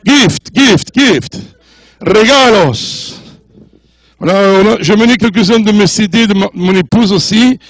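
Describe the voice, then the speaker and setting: A man's voice: high voice, no room sound. An older man preaching as a guest in a church, jovial and joking with the congregation, mixing French, English and Spanish. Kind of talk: sermon.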